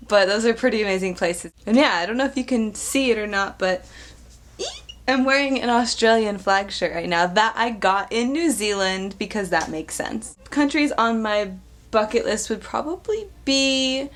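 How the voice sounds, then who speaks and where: A woman's voice: on the high side, measured pace, fairly bright tone, a little hiss or hum. A young woman in her twenties from Arizona, chatting bubbly and giggly in a casual Q&A vlog, close to the camera mic. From Arizona, United States. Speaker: vlogger. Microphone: camera mic at close range.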